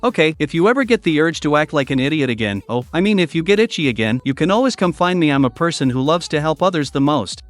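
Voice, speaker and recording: A man's voice: on the high side, lively intonation, fast talker, few pauses, soft background music, close to an everyday voice. A man voicing a cold, mocking young male cultivator with a dry, unbothered manner, reading a storybook recap. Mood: mocking calm.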